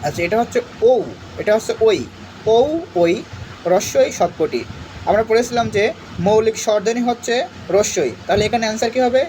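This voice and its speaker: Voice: medium pitch, normal speed, darkish tone, a little hiss or hum, poor audio. Young tutor explaining MCQ answers. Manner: reads options aloud, then explains and repeats the answer. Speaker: exam tutor. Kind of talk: exam-prep MCQ lesson.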